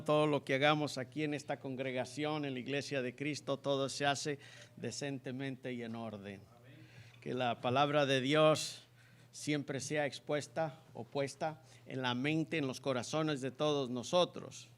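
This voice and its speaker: A man preaching a sermon in church, earnest and halting, breaking into loud emphatic scripture reading. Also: a little high. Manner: earnest, halting delivery with restarts.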